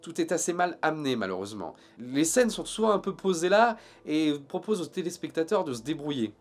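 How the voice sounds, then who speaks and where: A man with a rather high voice talks through a casual video review of TV series. His pitch swings widely, and his sarcastic jokes sit beside earnest critique. The delivery stays animated throughout. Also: a little fast.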